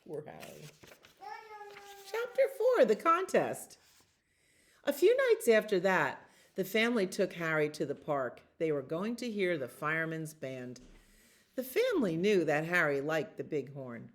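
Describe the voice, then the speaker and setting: Her voice is low-pitched as she leads storytime, reading a children's storybook with expressive, careful pacing. The librarian stretches every repeated word.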